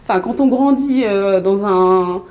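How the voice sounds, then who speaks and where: A woman's voice: medium pitch, unhurried. Woman from Mali telling her story. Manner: hesitant, many fillers and restarts, lively storytelling. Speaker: interview guest, business coach. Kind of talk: casual conversational interview.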